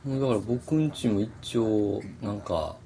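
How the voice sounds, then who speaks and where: A man's voice: fairly low pitch, unhurried. A man telling a story in casual chat, laughing as he talks. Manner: animated storytelling, laughs while talking.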